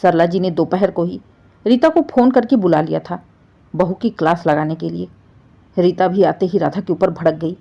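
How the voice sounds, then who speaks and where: A woman narrating a dramatic family story in an expressive storytelling manner. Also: lowish voice, moderate pace, vocal fry, lo-fi sound.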